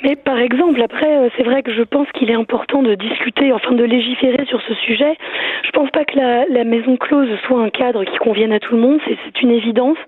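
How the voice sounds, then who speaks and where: French woman, voice nearly gone, raspy, phone-line tinny, halting. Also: fairly high pitch, dry recording. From France. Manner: hesitant, restarts phrases. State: hoarse, losing her voice. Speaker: author, phone guest.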